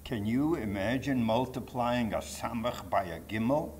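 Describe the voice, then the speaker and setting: A Holocaust survivor from Poland, a man in his nineties with a Polish accent, gives personal testimony to a live audience at a public talk. He tells his life story emphatically and digressively, full of rhetorical asides, in a medium-pitched voice at a measured pace. The background is noisy.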